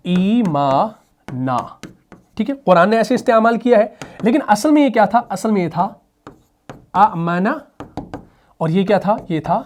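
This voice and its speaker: Male recitation teacher, lesson delivery, answers his own questions, drills sounds slowly. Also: high voice, a little mellow, a little hiss or hum. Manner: asks rhetorical questions and answers them; drills sounds by slow repetition. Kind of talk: explanatory tajweed lesson.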